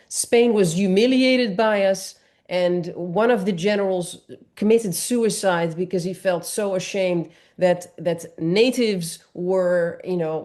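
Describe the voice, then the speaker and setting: A woman's voice: mid-range voice, dark tone. A woman from Morocco, speaking earnestly on a panel discussion and explaining at length with frequent restarts.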